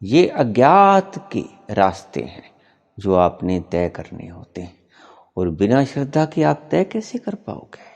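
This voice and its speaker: A man giving a spiritual discourse as a teacher, explaining slowly and deliberately and repeating his key points for emphasis. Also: fairly low pitch, sing-song, creaky, a little mellow, lo-fi sound. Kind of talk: spiritual discourse answering a question.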